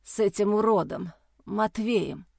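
A woman voicing a dazed, injured young man who mumbles slowly and weakly, as if half delirious. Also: mid-range voice, gravelly, dark tone, no echo, studio quality. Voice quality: slow, slurred, drained. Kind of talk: audiobook character voice.

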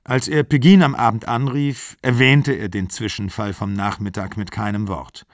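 Low-voiced male reader, literary fiction, dry close sound. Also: steady tone, normal speed, dry recording. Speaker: audiobook reader. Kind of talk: literary reading.

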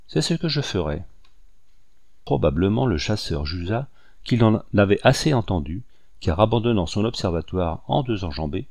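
Low-voiced man reading an audiobook. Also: gravelly, darkish tone, no echo, clean studio sound. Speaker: audiobook reader. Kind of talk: audiobook narration.

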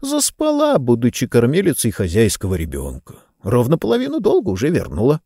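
A man's voice: medium pitch, wildly swooping pitch, fairly quick, warm tone, breathy edge, no echo, studio quality, heavily acted. A man reading an audiobook, voicing a cunning old male slave trader with a sly, ingratiating manner.

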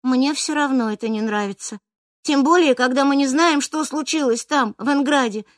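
Woman voicing a fretful, high young girl Chizhik. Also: no echo, studio quality, lightly acted. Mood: worried. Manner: high-pitched, quick to protest. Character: worried, indignant young girl.

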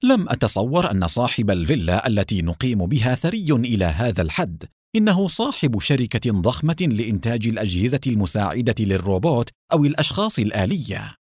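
A man's voice: medium pitch, big pitch swings, fast talker, darkish tone, husky, no room sound, studio quality. A man voicing a confident young detective. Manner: confident, determined. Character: clever young male detective hero, confident.

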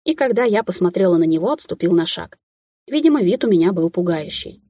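A woman narrates a first-person romance audiobook in a soft, intimate, unhurried voice. Her tone is low, dark and husky. The recording is dry and slightly dull. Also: lively intonation, no echo.

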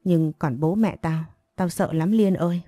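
A frightened young village girl, as a woman narrator puts her on, pleads through tears. Her voice sits low and mellow, close and dry. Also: unhurried, no room sound, faint music behind. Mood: pleading. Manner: tearful, pleading.

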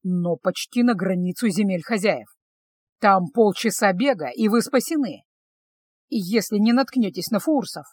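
A woman voicing a solemn older male rescuer who speaks slowly and gravely. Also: animated, dry recording, full character voice. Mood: weary. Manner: slow, low and measured.

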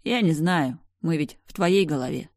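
Woman narrator doing a tender dream-brother, quiet, mellow, low. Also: moderate pace, dry recording, clean studio sound. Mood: gentle. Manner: soft, calm and affectionate. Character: gentle, tender young brother, a ghost in a dream. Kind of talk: audiobook reading.

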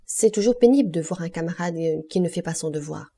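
A sly, jealous ship's officer who insinuates and hesitates, voiced by a woman in an audiobook. The delivery is dark and gravelly. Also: fairly low pitch, brisk. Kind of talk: audiobook reading.

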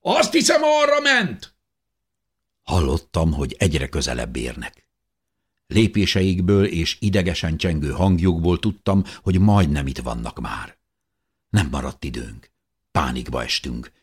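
A middle-aged man reading a first-person audiobook in a tense, expressive storytelling manner. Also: rumbling low, breathy edge. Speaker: audiobook reader.

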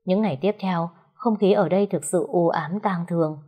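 A woman narrating an audio story in a steady storytelling voice. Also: lowish voice, moderate pace, breathy edge.

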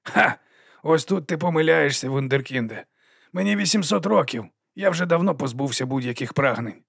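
A man voicing an ancient, wily monk sweeper who teases and chides in a raised, lively voice. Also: on the high side, normal speed, gravelly, breathy edge, no room sound, clean studio sound, voice pushed up, heavily acted. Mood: sly teasing. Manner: teasing, chiding, lively.

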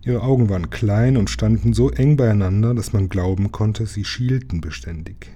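Very dark-voiced man reading a storybook. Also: fairly low pitch, normal speed. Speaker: reader. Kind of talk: reading a children's book aloud.

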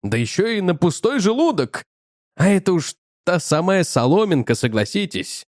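A man narrating a comic first-person audiobook in an ironic, animated manner. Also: high-pitched, normal speed, no echo, clean studio sound.

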